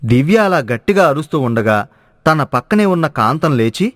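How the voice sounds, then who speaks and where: Male cartoon narrator, fairly high voice, dry close sound. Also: moderate pace, dry recording. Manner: steady, storytelling. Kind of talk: scripted storybook narration.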